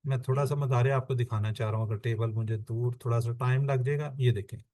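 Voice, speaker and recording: A man's voice: medium pitch, fairly even intonation, mellow. A man teaching an online Quran grammar class, patiently walking students through points step by step and calling on them by name.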